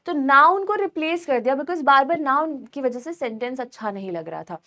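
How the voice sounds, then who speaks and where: A woman's voice: high-pitched, animated, normal speed, sharp tone. A young woman teaching a recorded grammar lesson alone in a room, chatty, mixing Hindi and English and often asking her learners questions. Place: room with no one else present.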